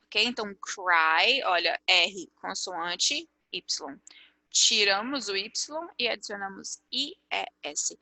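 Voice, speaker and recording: Her voice is mid-range, slow, bright and forceful, captured in a dry recording. She is a Brazilian teacher with a Brazilian Portuguese accent who explains English grammar step by step in an online lesson, often checking in with "ok?".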